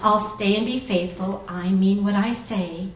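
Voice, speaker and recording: A woman voicing a huge, gentle male elephant from a storybook, patient and earnest, speaking in emphatic rhyme. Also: medium pitch, steady tone, unhurried, roomy sound, far from the mic, dull audio, a little hiss or hum, lightly acted. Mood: earnest, resolute. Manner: emphatic, rhyming declarations.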